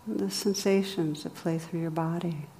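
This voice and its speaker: A woman guides a meditation in a low, even, unhurried voice. She speaks softly and gently, leaving long pauses between phrases. A long reverb trails her words over a faint ambient hum. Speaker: meditation teacher.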